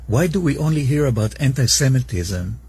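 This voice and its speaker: A man from Israel giving a prepared monologue in a played video clip, measured and reading out passages. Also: medium pitch, animated, vocal fry, dark tone, breathy edge.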